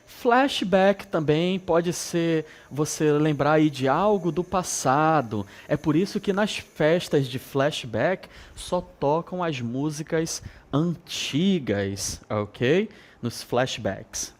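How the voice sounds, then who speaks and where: A man from northern Brazil with a regional accent, teaching an English lesson to students and repeating words slowly with frequent check-ins. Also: a little high, animated. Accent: northern Brazilian Portuguese. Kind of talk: televised school lesson.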